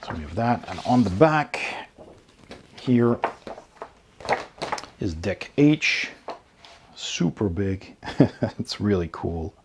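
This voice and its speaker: With a fairly low voice that swings widely in pitch, a tabletop game channel host unboxes a product, commenting casually and taking his time with pauses as he shows things off. There's a little hiss or hum in the audio.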